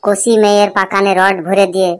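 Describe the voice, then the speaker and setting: A man voices Futo, a bawdy, grumbling young village bachelor, in comic cartoon dialogue and muttered asides, sounding pleading, stubborn, and evasive in a colloquial, complaining way. His natural voice is high and monotone, fairly quick, with a clear, resonant tone.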